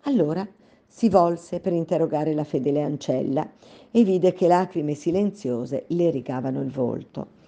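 A woman reads a fairy tale aloud at a calm, steady storytelling pace. Her voice is deep and very dark, with a soft, mellow warmth. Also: normal speed.

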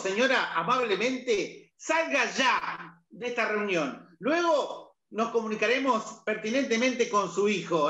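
A man's voice: very high-pitched, pushed and bright, reverberant, full character voice. A man playing an indignant company director who speaks formally. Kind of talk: amateur theatre play over video call.

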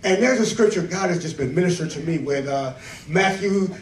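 A man giving an excited report at a church meeting, building into loud, fired-up preaching. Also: high voice, fairly quick, slight background noise. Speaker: ministry worker giving a report. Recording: echoey room, distant camera mic.

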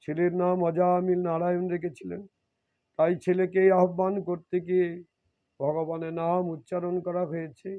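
At a moderate pace and in a flat, high voice, a preacher reads scripture aloud and expounds on it. He tends to restate his points in different words. The recording is muffled and lo-fi.

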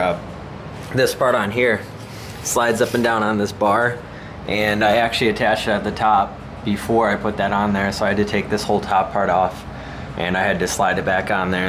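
Holding the camera himself, a man narrates a casual, unscripted vlog from his concrete basement home gym. His lowish, level voice moves a little fast and hesitates like he's thinking out loud, with background noise on the camera mic.

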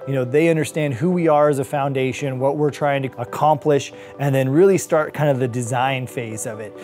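Foundation guy, mellow warm tone, faint music. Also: mid-range voice, steady tone, fairly quick. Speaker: foundation team member. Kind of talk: documentary interview. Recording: soft background music.

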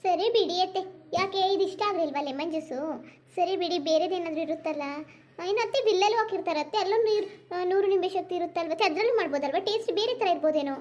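A woman's voice: very high-pitched, fast talker, a little mellow. A woman with a Kannada accent voicing a naive young daughter-in-law in a cartoon, chatty and pleading. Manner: chatty, pleading, sing-song. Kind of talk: cartoon voice acting.

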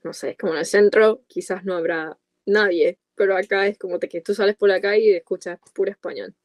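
Speaking over a video call from a small, dark room with coloured lights, this native English speaker from California, a woman in her twenties, is an interview guest on a podcast and a content creator. She talks in a relaxed, colloquial way, her mid-range voice fairly quick and fairly even in intonation. The recording is dry and of studio quality.

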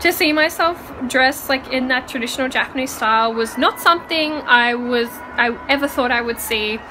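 Young woman rambling into her camera at home, kinda high voice, background hiss. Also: moderate pace. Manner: chatty, lots of "like", laughs often. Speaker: vlogger. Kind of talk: casual vlog chat. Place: at home eating dinner.

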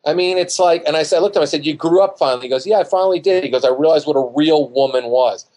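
Talking fast in a slightly high, somewhat mellow voice, this fifty-something dating coach is a guest on an interview held over a video call. He's indoors in his home living room, heard through a computer microphone, and his advice is loose and colloquial, full of emphasis and repetition, with quoted lines performed aloud.

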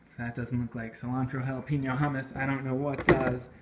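A man in his thirties filming a casual home cooking vlog in his kitchen, talking in an offhand, self-mocking deadpan. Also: mid-range voice, brisk, heavy background noise. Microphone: phone camera held at arm's length.

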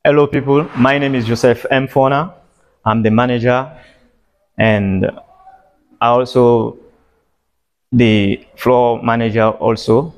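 A matter-of-fact man with an ordinary middle pitch answers questions in short, plain phrases. He keeps each reply brief. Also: fairly even intonation, slow pace, pauses often. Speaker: restaurant manager. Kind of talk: interview answers.

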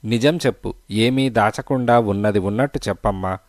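A man doing a patient, gentle detective. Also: fairly low pitch, normal speed, no room sound, studio quality, natural voice. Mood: gently probing. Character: calm, kindly male detective questioning a witness.

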